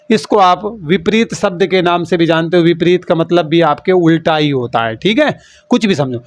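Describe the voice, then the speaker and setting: A man's voice: sits high, no echo. A man teaching a lesson for an exam, explaining in a playful, teasing way and calling the students "beta".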